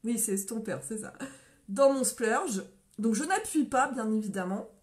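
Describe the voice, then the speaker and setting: Woman from France, high voice, runs a chatty live makeup tutorial, greets viewers by name, a little winded. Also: animated, normal speed, darkish tone. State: coughing after a run.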